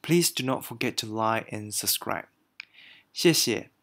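A man from Malaysia teaching a beginner language lesson, saying each word slowly and carefully and repeating it for learners. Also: lowish voice, lively intonation, fairly bright tone.

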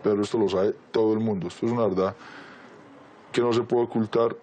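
Disguised deep voice, Colombian man. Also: steady tone, quick pace, warm tone. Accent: Colombian Spanish. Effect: voice electronically disguised, pitched deep. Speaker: anonymous interviewee. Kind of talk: interview answers.

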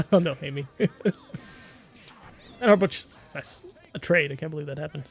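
A man in his twenties commentating a fighting game stream in a casual, laughing way, with quick excited calls of the action. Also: a little high, faint music behind. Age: 20s.

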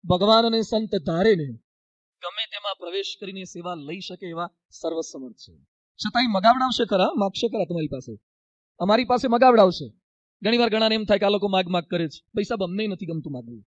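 Speaking briskly in a high voice with a Gujarati accent, this monk delivers a sermon full of stories, voicing the characters as he goes. There's no echo, but the sound is lo-fi.

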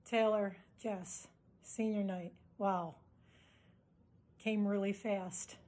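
Woman talking real slow and flat, dark tone, lots of pauses. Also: medium pitch. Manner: slow, halting, flat delivery. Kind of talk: recorded video message.

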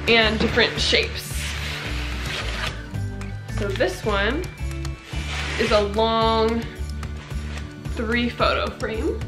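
A chatty young woman talks into a handheld camera, walking through her house. Her voice sits a little high for a woman. She is upbeat and casual and keeps slipping in "like" and "um". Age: young adult. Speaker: vlogger. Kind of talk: casual home vlog chat. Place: living room, then walking through a house, indoors. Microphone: on-camera mic, camera handheld at arm's length.

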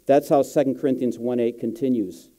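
A man's voice: mid-range voice, fairly even intonation, a little fast, warm tone. A male guest pastor giving a sermon, telling personal stories in a casual, slangy way.

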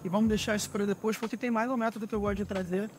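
A Brazilian man in his thirties, a barista, explaining his trail coffee gear in a relaxed, hands-on way outdoors in a forest. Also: sits high, very fast, faint music behind. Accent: Brazilian Portuguese. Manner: relaxed, explanatory, handles gear while talking. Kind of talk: casual outdoor demonstration.

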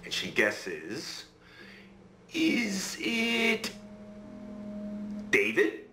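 A man's voice: sits high, wildly swooping pitch, very slow, bright, forceful tone, roomy sound, a little hiss or hum, full character voice. A man in a game telling a fairy tale aloud to a child, playful and checking in with the listener as he goes. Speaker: storyteller to a child.

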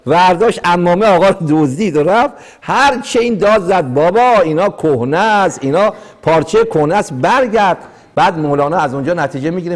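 A man teaching mystical texts in a religious lecture, telling stories and asking the listeners questions as he goes. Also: on the high side. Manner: animated storytelling with rhetorical questions. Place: lecture hall in Vancouver.

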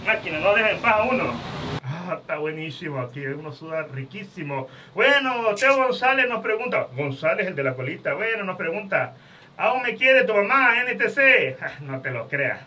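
A man's voice: sits high, animated, normal speed, bright, forceful tone, full character voice. A man voicing a brash, foul-mouthed comic superhero, answering fan questions in a crude, mocking vlog outdoors by a river. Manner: crude, mocking, full of insults and slang.

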